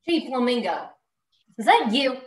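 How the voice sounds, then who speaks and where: An actress playing a scheming housekeeper and thief, grumbling and sarcastic, over a video call. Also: female voice, on the high side, very animated, measured pace, roomy sound, far from the mic, rough recording.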